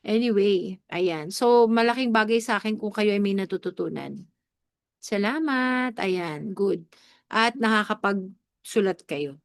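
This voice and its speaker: A woman's voice: mid-range voice, expressive, a little slow, no room sound, clean studio sound. A woman with a Filipino accent giving a network marketing training talk live, mixing in English and asking her listeners questions, a bit congested from an allergy. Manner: coaching, asks the audience questions often; mixes Tagalog and English.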